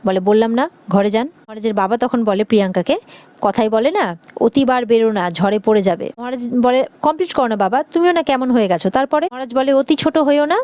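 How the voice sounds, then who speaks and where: A woman quickly narrating an episode recap of a TV serial, reading out every character's lines in turn. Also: on the high side, a little mellow, dry recording, clean studio sound.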